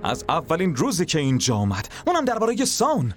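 A bitter, betrayed young hero. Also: male voice, fairly high pitch, wildly swooping pitch. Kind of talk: dubbed TV drama. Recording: music under the dialogue.

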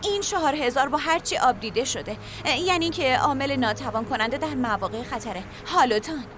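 A flustered young forensic scientist. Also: female voice, high-pitched, expressive, background noise. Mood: curious. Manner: flustered, apologetic. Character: young woman forensic scientist, apologetic and hurried. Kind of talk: dubbed TV drama. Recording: music under the dialogue.

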